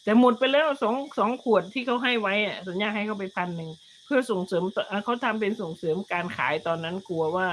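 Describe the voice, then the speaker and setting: A woman hosts a casual livestream in a mid-pitched voice. She rambles from one personal story to the next in a chatty, informal way, pausing to read out viewer comments as she goes. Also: animated, slight background noise, poor audio. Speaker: livestream host.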